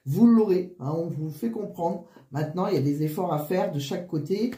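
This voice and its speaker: A tarot card reader gives a casual reading, her woman's voice fairly low and mellow in a roomy-sounding space. Sick with flu, she wheezes and runs short of breath, halting often and restarting her phrases.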